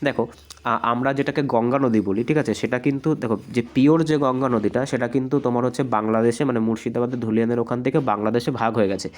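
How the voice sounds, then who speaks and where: A man with a hoarse voice from a cold, teaching an exam practice lesson and explaining answers step by step. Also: mid-range voice, steady tone, fast talker. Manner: explanatory, repeats "ঠিক আছে?" often.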